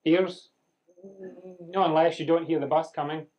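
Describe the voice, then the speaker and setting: A man's voice: on the high side, fairly even intonation, moderate pace, darkish tone. Man lecturing a class. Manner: conversational, questioning the class, dry humour. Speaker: medical lecturer. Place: lecture room with audience.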